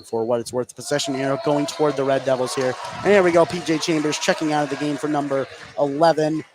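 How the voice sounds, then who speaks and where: Fast and fairly even in intonation, an American man with a higher voice gives live radio play-by-play of a basketball game in running detail. Clear gym noise and basketball game ambience fill the background.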